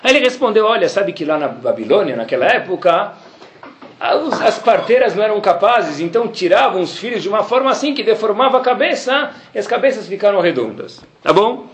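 Animated man telling a Talmud story. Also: high-pitched, roomy sound, a little hiss or hum. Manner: animated, acts out the characters in quick voices. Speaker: Torah teacher giving a class.

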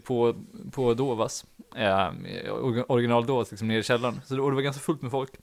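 A man's voice: mid-range voice, steady tone. A young man hosting a podcast, casually telling a long anecdote in a rambling way, full of fillers and laughing at his own story. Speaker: podcast host.

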